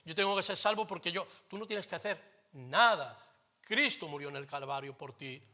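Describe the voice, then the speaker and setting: Forceful Spanish pastor preaching. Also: male voice, a little high, expressive, moderate pace. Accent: Spain Spanish. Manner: emphatic preaching that swings between loud declarations and quiet, close asides; lighthearted jokes mixed into the preaching. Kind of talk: sermon. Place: church. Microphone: microphone.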